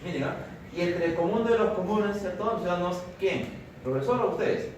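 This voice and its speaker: Here a Peruvian physiology lecturer, a man with a Peruvian Spanish accent, speaks high-pitched and a little fast while teaching, constantly checking in with "¿cierto?" and "¿estamos?" to ask "right?" and "are we clear?". A distant camera mic in a large, noisy, echoing classroom makes the recording sound far away.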